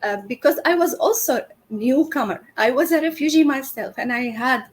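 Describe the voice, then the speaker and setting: A woman telling her own story casually, haltingly searching for words. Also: high-pitched, a little hiss or hum. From Middle East. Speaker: interview guest, boutique co-founder.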